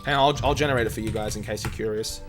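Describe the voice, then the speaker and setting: This young Australian streamer talks at a racing clip in a lowish, fairly even voice while music plays behind him. He gives casual, chatty commentary on his video game speedrun and calls his viewers "mate" and "dude."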